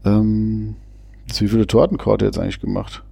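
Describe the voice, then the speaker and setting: A man's voice: fairly low pitch, flat delivery, fairly quick, gravelly, mellow, slightly rough, dry recording. A man giving casual, chatty football commentary, often hesitating and restarting his sentences. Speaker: fan co-commentator.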